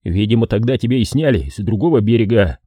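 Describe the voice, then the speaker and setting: A quick-witted captive who stays cool under pressure, read by a man for an audiobook. He talks in a hurried or flat way, with a warm, husky voice and a lively pitch. The recording is dry. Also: no room sound. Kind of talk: audiobook character reading.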